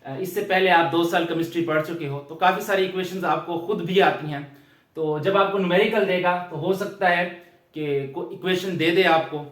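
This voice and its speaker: A man's voice: high-pitched, moderate pace, a bit bright, far from the mic. A young man with a Pakistani Urdu accent giving a chemistry lecture, explaining step by step and often checking in with his students. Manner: explains step by step, often adds "theek hai". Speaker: chemistry teacher. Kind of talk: classroom lecture. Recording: echoey room, voice from afar.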